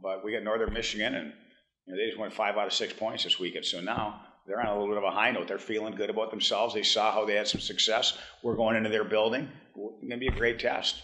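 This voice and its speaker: Brief: man in his 50s, hockey head coach, postgame press room, halting and blunt, bright timbre. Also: lowish voice, steady tone. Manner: halting, restarts often, blunt and frank. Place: press room in front of a team backdrop.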